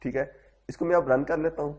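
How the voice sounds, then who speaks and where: The audio is dull with a little hiss or hum as a man lectures a programming class. His voice is slightly high, somewhat mellow and fairly even in intonation, and he explains step by step, constantly saying "theek hai," meaning "okay."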